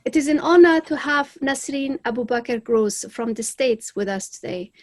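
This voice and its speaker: A woman's voice: sits high, expressive, normal speed. A woman hosting an interview, polite and formal, with some filler words. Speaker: interview host.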